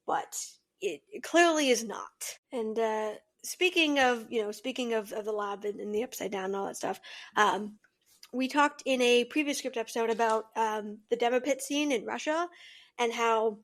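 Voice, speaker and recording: A woman co-hosting a fan podcast, talking casually in an earnest, thoughtful, rambling way. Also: a little high. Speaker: podcast co-host.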